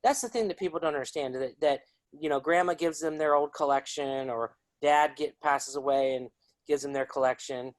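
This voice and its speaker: A man's voice: on the high side, normal speed, dry recording. A man with a Southern US accent, a podcast guest chatting casually and telling easygoing stories with frequent laughs. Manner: easygoing storyteller, laughs often. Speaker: podcast guest, coin dealer. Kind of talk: casual chat.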